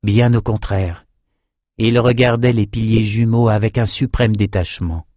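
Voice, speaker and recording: Guy reading a fantasy audiobook, low voice, slow and grave, dry close mic. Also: steady tone, darkish tone, dry recording. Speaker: audiobook narrator. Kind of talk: scripted narration.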